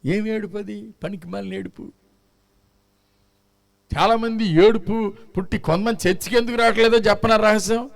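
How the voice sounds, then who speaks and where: A man's voice: high-pitched, steady tone, a little fast, vocal fry, no echo. A male pastor preaching a sermon, scolding and mocking his listeners with one rhetorical question after another.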